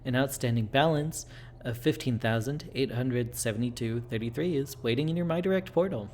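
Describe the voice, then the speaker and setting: A man's voice: mid-range voice, a little fast, darkish tone, a little hiss or hum, close to an everyday voice. A man voicing an impersonal automated medical billing system in a game, formally reciting notices.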